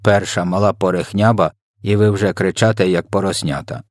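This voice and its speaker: BFG, a gentle giant, as a man puts him on. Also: low-pitched, fairly even intonation, dry recording, studio quality, natural voice. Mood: good-natured. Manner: slow, muddled, garbled speech. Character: kindly huge old male giant, mangles words. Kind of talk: storybook character voice.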